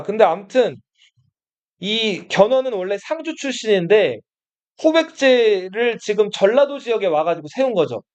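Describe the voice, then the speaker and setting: A man whose voice sits high and sounds a little mellow teaches a Korean history lesson in a study room classroom. Again and again he asks the students questions, then answers them on his own. The recording is dull and lo-fi.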